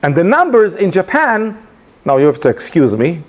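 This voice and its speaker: A man delivers an informal lunchtime talk in a high voice at normal speed, stopping and restarting often as he tells a story. English isn't his first language, and he tells it animatedly, with laughs.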